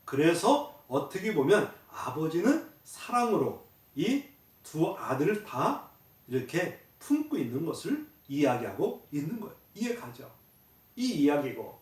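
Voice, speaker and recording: Guy teaching bible class, high animated voice, asks himself questions then answers, repeats stuff. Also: a little slow. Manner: repeats key phrases. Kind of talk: classroom lecture. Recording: very echoey room, mic at a distance.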